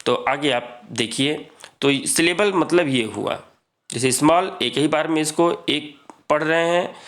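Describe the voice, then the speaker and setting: A man teaching English grammar in a lesson, reading rules slowly and explaining them with many repetitions. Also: fairly high pitch, a bit bright. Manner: reads English rules slowly, then explains, repeating "ठीक है".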